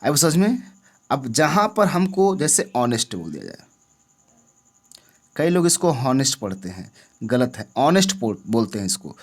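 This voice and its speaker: A man's medium-pitched voice sounds sing-song and a little slow, with long pauses, as he teaches English grammar. In this classroom-style lesson, he often checks the viewer's understanding through questions.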